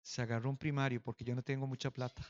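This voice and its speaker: A man preaching a sermon as pastor, telling a personal story and swinging from hushed to loud. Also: medium pitch, flat delivery, quick pace, lo-fi sound.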